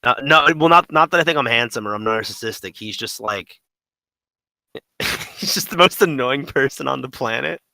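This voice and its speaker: A man's voice: mid-range voice, lively intonation, moderate pace, gravelly, sharp tone, no room sound, rough recording. A man chatting animatedly about a video game on a podcast, laughing as he tells stories. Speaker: podcast co-host. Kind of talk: casual gaming podcast chat.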